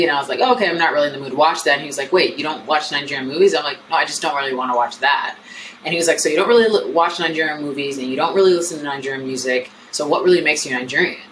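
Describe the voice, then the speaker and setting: A woman's voice: extremely low pitch, a bit bright, far from the mic, a little hiss or hum, poor audio. An American woman hosting a solo podcast, talking candidly and reflectively in a chatty way. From United States. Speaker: podcast host.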